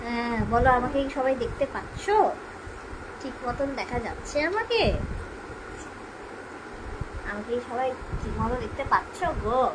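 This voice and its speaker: A woman's voice: fairly high pitch, normal speed, long pauses, background noise. A mother live-streaming with her baby son, chatting to viewers in a coaxing, sing-song baby-talk voice. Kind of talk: casual live-stream chat.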